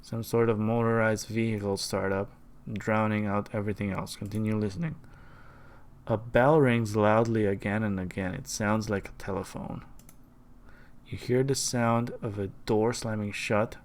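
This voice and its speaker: A man streaming a game, chatting casually and reading the on-screen text aloud. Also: lowish voice.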